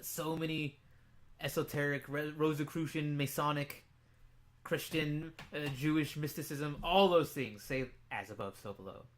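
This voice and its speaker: A man co-hosting a casual podcast, goofy and jokey, swinging from mumbles to loud outbursts. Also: on the high side, moderate pace. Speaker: podcast co-host. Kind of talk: casual chat.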